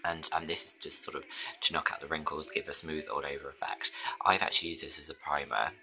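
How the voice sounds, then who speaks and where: A beauty vlogger with a very deep, husky, hoarse voice rambles through his get-ready-with-me routine, often slipping into a whisper. He talks at a quick pace with a steady, sharp tone.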